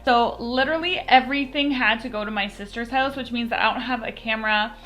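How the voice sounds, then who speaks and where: A woman vlogs candidly to camera, recorded on a phone's built-in mic with no external microphone, chatty and full of fillers. Her voice is a little high, brisk, pushed, and bright, with faint music behind and poor audio.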